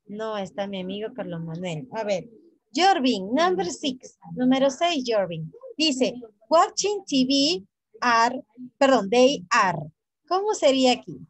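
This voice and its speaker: A woman teaching an English class in a high voice at an unhurried pace. She goes over each phrase in English and then again in Spanish, and she patiently calls on students by name. The sound is dry, with almost no room echo. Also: sing-song.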